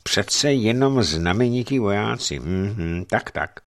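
A man voicing a gruff one-eyed pirate chief who mutters low to himself in a storybook reading. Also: lively intonation. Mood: grudging.

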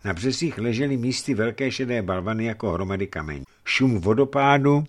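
A man narrating a historical adventure story in an expressive reading style. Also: mid-range voice.

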